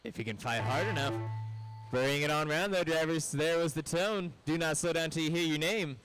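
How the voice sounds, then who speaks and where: A fairly high-voiced man working as race announcer, firing off driver names and finishing results in a brisk, practical way. He talks to the drivers over the track speakers at an indoor RC raceway, keeping the heat moving. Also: a bit bright, faint music behind, rough recording. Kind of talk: live race-control announcing.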